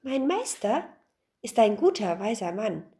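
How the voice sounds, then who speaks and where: A woman's voice: mid-range voice, very animated, a little slow, warm tone. A woman voicing a greedy, hungry young boy who eagerly talks himself into things in a storybook tale. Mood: scheming. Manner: eager, self-justifying.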